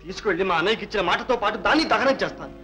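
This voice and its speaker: A stern wronged uncle. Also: male voice, high-pitched, lively intonation, racing, sharp tone, faint music behind, poor audio. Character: dignified wronged uncle of the wife. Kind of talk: old film drama acting.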